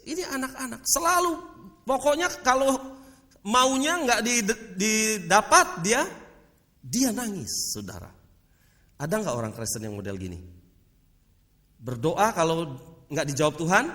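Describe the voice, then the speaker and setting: Man, preacher, lively swinging delivery, reverberant hall. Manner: addresses the congregation often as "saudara", animated swings in pitch and loudness. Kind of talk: sermon. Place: church hall.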